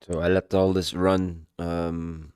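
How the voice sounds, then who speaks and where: A man streaming a casual update on his game progress, halting with many ums, and he has the hiccups. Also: low voice, level tone, a little mellow, clear, resonant tone, no echo, studio quality.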